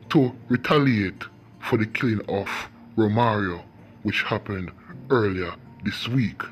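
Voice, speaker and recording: A Jamaican man giving emphatic, accusatory crime news commentary as a voice-over, calling out suspects directly. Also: medium pitch.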